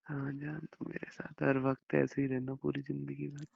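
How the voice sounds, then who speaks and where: A young man talks to his wife over the phone in a rough, gravelly voice. His pitch barely moves as he reassures her and rambles on with affectionate explanations. The recording is dull and muffled, like a phone call. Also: completely flat delivery, moderate pace, no echo. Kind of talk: intimate phone conversation.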